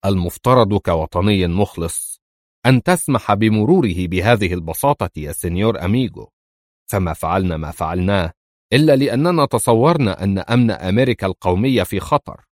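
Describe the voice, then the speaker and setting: A nervous, middle-aged government minister fighting to hold his nerves, as a man voices him in a storybook. The voice is low and dry, with no room around it. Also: expressive, fairly quick, no room sound, lightly acted. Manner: nervous, strained restraint.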